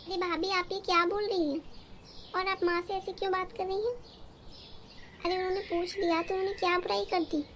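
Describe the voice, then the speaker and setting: An indignant young sister-in-law who sharply questions and defends her mother, as a woman voices her. Her voice is high in this cartoon family story. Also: level tone, a little fast, a bit bright, a little hiss or hum.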